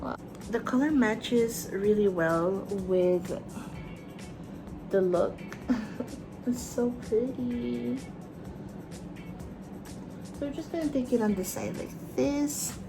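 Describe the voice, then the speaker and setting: Chatty and bubbly, a young Filipino-accented woman narrates a makeup tutorial while doing her makeup in a small bedroom strung with fairy lights. Her fairly high voice is slow and creaky with long pauses, over background music in a rough recording.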